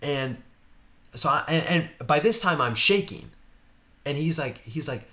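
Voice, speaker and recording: A man's voice: a little high, animated, a little slow, sharp tone. A young man from Washington state, a podcast host rambling through a story in casual chat, swearing freely and acting out both sides of the exchange.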